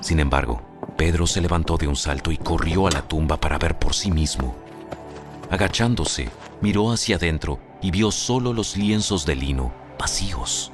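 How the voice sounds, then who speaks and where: A man narrating a dramatized Bible in a booming, solemn, scripted manner. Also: expressive, moderate pace. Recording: music under the voice.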